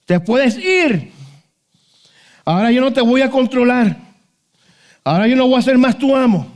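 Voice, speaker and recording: A man's voice: extremely high pitch, sing-song, measured pace, voice pushed up, heavily acted. A man voicing a slave master who tells his slave he is free, speaking in a raised, emphatic way. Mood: declaring.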